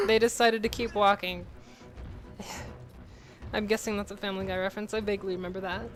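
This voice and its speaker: A woman's voice: mid-range voice, flat delivery, fairly quick, long pauses, music in the background, rough recording. A young woman co-hosting a gameplay video, reading a crude fan story aloud and laughing through it. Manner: giggly, reads aloud while breaking into laughter.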